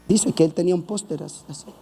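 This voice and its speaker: A man preaching a sermon, telling a Bible story with lively asides and acted-out voices. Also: on the high side, quick pace, vocal fry, slightly rough, long reverb tail. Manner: animated storytelling with playful asides; acts out voices of biblical figures.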